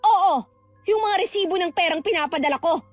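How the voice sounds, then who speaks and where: A woman's voice: very high-pitched, brisk, soft background music. An actress playing a young woman who was cheated out of her house and angrily confronts her family. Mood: furious. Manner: confrontational, shouting accusations. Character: wronged young woman who worked abroad, furious.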